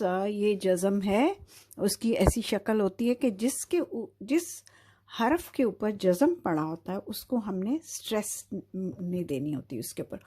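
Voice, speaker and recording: A woman's voice: mid-range voice, dark tone, breathy edge. A woman from Pakistan teaching children an Urdu phonics lesson, sounding out words patiently and often checking "okay?" between them. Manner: slow, patient, drawn-out syllables with repeated checks of "theek hai".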